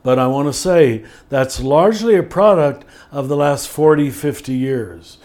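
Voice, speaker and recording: Thoughtful and unhurried, an older spiritual teacher talks through a podcast conversation, dropping his pace to stress important words. He speaks at medium pitch with a slightly mellow quality.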